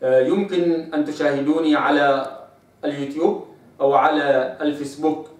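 A man with an Egyptian Arabic accent teaching Quran recitation rules, patiently explaining and drawing out the recited example words slowly. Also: medium pitch. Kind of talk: tajweed lesson with recited examples. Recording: very echoey room, speaker far from mic.

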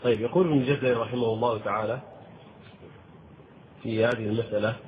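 A man teaching the rules of Quran recitation, explaining slowly and deliberately and chanting short verses as examples. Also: medium pitch, steady tone. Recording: tinny phone-like audio with faint noise.

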